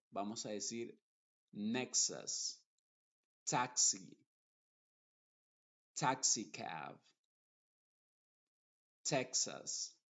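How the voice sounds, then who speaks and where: A man teaching pronunciation, speaking deliberately and repeating example words carefully, one at a time. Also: lowish voice, muffled recording. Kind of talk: slow, deliberate pronunciation lesson.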